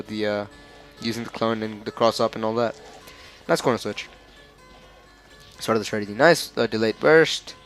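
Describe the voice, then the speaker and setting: A man's voice: mid-range voice, clear, resonant tone. A man with an Australian accent giving casual analysis of a fighting game match, chatty and often stumbling over the players' names.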